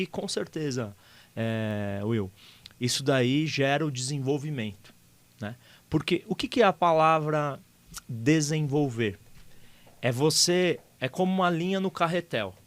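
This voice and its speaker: A man speaking thoughtfully in a podcast conversation, often pausing and repeating words as he works through an idea. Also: fairly high pitch. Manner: thoughtful, halting, repeats words while thinking.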